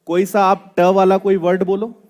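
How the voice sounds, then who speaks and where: A man teaching a classroom, joking and quizzing his students, tagging his points with quick questions. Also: sits high, completely flat delivery, a little mellow. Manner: playful, quizzing students with rhetorical tags. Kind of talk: classroom lecture with jokes.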